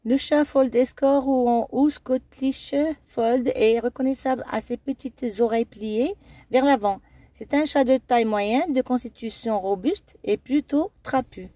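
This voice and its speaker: Mellow-voiced woman reading a documentary. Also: high-pitched, a little slow, no room sound. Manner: steady reading with occasional slips. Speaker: narrator of a documentary-style video. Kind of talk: scripted narration.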